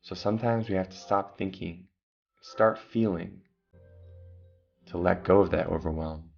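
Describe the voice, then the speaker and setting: A man with a very low, gravelly voice guides a meditation calmly and slowly, giving breathing instructions separated by long pauses. Soft music plays in the background, and the recording sounds slightly dull and lo-fi.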